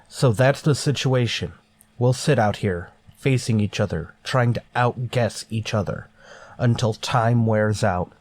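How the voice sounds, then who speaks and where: A man with a medium-pitched voice plays a grim, authoritative starship captain in a golden age sci-fi radio drama. His delivery is stern and deliberate, only lightly acted, with no echo.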